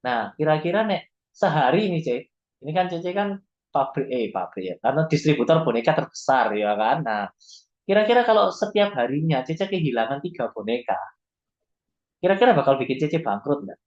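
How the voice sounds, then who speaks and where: A man's voice: on the high side, big pitch swings, a little fast, darkish tone. A man leading a sales training class, talking conversationally and acting out sample dialogues. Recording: dull lo-fi recording.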